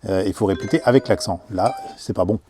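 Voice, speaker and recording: Man, travel vlogger, low voice, casual explanation, hesitant, lots of fillers. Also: fast, warm tone, a little hiss or hum.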